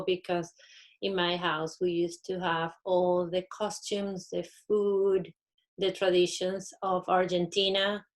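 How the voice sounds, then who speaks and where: A middle-aged woman from Venezuela, telling her story as a panelist. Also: fairly low pitch. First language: Spanish. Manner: reflective, personal storytelling. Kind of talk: panel discussion.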